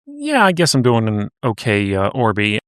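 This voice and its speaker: A man's voice: on the low side, huge pitch swings, normal speed, a bit bright, no echo, studio quality. A man co-hosting a podcast, recapping and chatting in a conversational storytelling way. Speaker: podcast co-host. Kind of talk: casual podcast chat.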